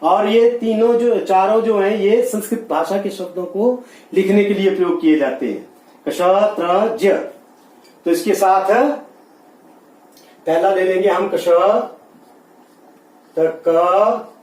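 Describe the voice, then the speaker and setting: High-voiced male Hindi teacher, echoey room. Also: a little mellow. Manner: explains slowly, spells letters out piece by piece, asks and answers his own questions. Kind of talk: classroom grammar lesson. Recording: echoey room, mic at a distance.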